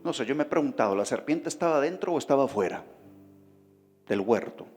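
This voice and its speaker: A man's voice: medium pitch, expressive, brisk, darkish tone. A man preaching a sermon, talking conversationally and often asking the congregation questions. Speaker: pastor. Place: church hall. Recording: reverberant hall with faint music behind.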